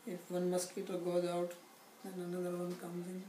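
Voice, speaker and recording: A middle-aged man teaching a scripture class, speaking slowly and deliberately with wry humor and recited Sanskrit verses, recorded from a camera across a living room. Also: sits high, monotone, mellow. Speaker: spiritual teacher. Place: indoor living room, seated on a sofa. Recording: echoey room with background noise.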